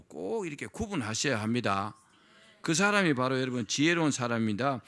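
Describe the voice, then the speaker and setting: A man's voice: on the high side, bright, forceful tone. A man preaching a sermon as pastor, asking the congregation questions and having them repeat phrases after him.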